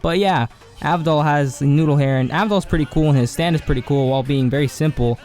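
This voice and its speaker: A young-sounding man hosts a video essay, delivering a casual anime commentary monologue in a fairly high, fairly quick, slightly mellow voice that's hoarse and cracking. He rambles in slangy talk heavy on filler words, with faint music behind him.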